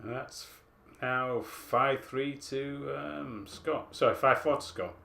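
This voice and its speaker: A man's voice: mid-range voice, slow, creaky, sharp tone. A man filling in as commentator at a pool match, teasing and cheeky. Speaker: stand-in commentator. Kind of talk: joking live commentary.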